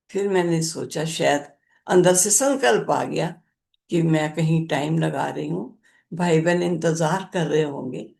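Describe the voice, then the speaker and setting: An older woman, a spiritual teacher, gently recounting a personal experience in a spiritual discourse. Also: sits low, vocal fry.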